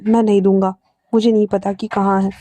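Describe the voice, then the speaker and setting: A woman's voice: medium pitch, level tone, a little fast, warm tone, no echo, natural voice. A woman voicing a frightened but defiant young man who talks in an agitated, pleading way.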